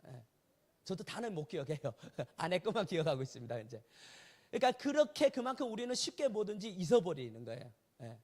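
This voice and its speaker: High-voiced Korean pastor preaching. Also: male voice, a little mellow. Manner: conversational preaching with rhetorical questions. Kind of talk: sermon. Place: church sanctuary.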